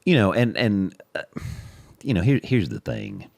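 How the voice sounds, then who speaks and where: Very deep gravelly man chatting. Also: wildly swooping pitch, a little slow, a little mellow, no room sound. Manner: rambling, repeats words while finding his point. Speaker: podcast co-host. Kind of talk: casual sports chat.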